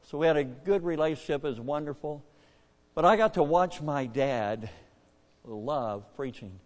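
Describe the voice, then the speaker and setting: An older man, a pastor, preaching a story-driven sermon, shifting from hushed asides to booming bursts. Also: normal speed, long reverb tail. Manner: animated, swings from hushed to booming. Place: church.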